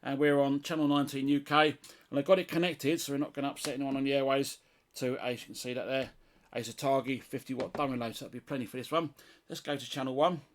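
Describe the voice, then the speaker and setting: Here the British CB radio presenter, middle-aged, talks fast in a medium-pitched, steady voice. It's an off-the-cuff, practical demonstration where he muses aloud as he tries things out.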